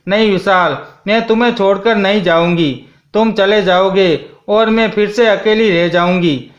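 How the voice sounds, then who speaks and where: Man voicing a grieving young wife, trembling, pleading, slow and high, roomy dull recording. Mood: desperate.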